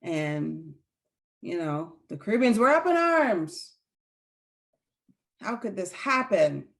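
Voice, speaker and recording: A woman with a low voice rambles drunkenly through a casual rant. She stalls and picks her thread back up in a loose, tipsy way, like a co-host among friends. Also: sing-song, slow pace, vocal fry, a bit bright. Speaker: podcast co-host.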